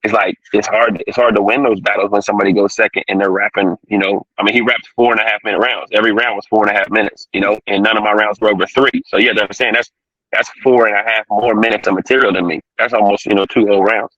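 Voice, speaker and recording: A man's voice: lowish voice, fairly even intonation, a bit bright, breathy edge, dry recording. Man on a fuzzy, distorted call. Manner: rapid, full of "you know" fillers. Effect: fuzzy distorted connection. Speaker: battle rapper guest. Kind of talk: casual online interview. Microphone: online call from a phone on mobile data. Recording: dull lo-fi distorted call audio.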